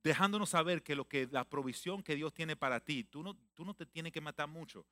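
A man preaching a sermon emphatically, repeating phrases and swinging between loud declarations and hushed, reflective passages. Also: fairly high pitch, brisk, dry recording, clean studio sound. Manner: mixes in English phrases.

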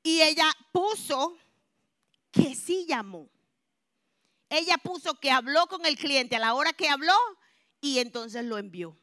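A woman giving a religious testimony to a congregation, telling her story expressively and moving between hushed and loud. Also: high-pitched, lively intonation, a little slow, long pauses, no room sound, studio quality. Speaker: church member giving a testimony.

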